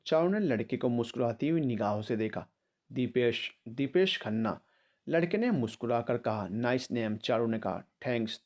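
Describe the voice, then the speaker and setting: Man, storyteller, scripted narration, reads all dialogue himself, medium pitch. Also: darkish tone.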